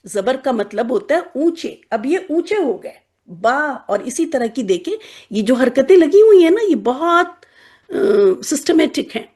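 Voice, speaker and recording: A woman with a notably high voice teaches a classroom lesson on Arabic letters. She explains patiently, turns the letters into little characters, and keeps checking that her students follow along. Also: sing-song, darkish tone. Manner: explains patiently with playful examples and frequent check-ins.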